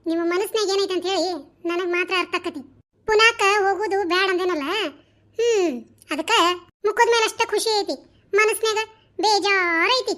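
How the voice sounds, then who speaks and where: A woman's voice: extremely high pitch, moderate pace, fairly bright tone. A woman voicing a young cartoon wife with a North Karnataka accent, chatty and nagging. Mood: wistful. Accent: North Karnataka Kannada.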